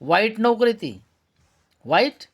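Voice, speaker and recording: A stern young police officer from a storybook, earnest and probing, as a male narrator reads him. The voice sits fairly high and is kept close to the reader's own plain tone. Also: sing-song, slow pace, exaggerated voice.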